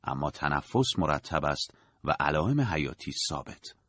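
Deep husky guy reading a story out, measured and dramatic, varied intonation. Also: sing-song, fairly bright tone, dry recording. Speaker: narrator. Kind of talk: scripted audiobook narration.

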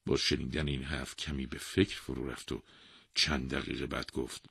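Brief: male folk-tale narrator, low husky voice, lively pitch, dry close mic. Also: dry recording. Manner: lively, expressive storytelling. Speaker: storyteller.

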